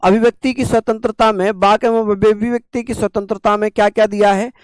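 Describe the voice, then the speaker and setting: A male teacher with a fairly high, smooth and resonant voice delivers a classroom lecture. He keeps asking rhetorical questions and slowly repeats the key terms. The sound is dry, with no room echo. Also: level tone.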